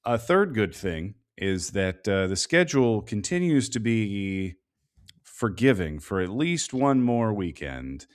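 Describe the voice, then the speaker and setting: A man co-hosting a casual sports podcast, talking through soccer analysis in a measured way, thinking aloud with plenty of fillers. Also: on the low side, big pitch swings. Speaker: podcast co-host.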